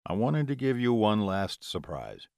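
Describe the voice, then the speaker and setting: A man voicing an affectionate male vampire lover in an audiobook, speaking low, calm and reassuring. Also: measured pace, gravelly, no room sound, full character voice.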